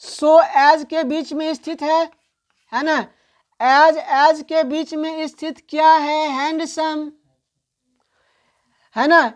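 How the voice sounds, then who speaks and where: A woman teaching an online English grammar lesson, asking questions and answering them herself, and reading out English examples slowly. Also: sits high. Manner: explains in Hindi, reads English examples slowly.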